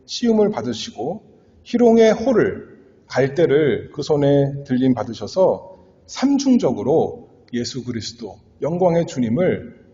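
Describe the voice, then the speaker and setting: A man's voice: mid-range voice, warm tone. A male pastor delivering an earnest expository sermon, swelling and dropping for emphasis. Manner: earnest, dramatic swells and drops. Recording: echoey hall, dull lo-fi sound.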